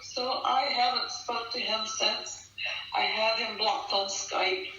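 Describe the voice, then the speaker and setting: A woman's voice: on the high side, fairly even intonation, slow pace, sharp tone. A woman giving earnest personal testimony in conversation, speaking emphatically and repeating phrases for stress. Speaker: guest recounting a personal experience. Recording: echoey, distant, dull online call with faint noise.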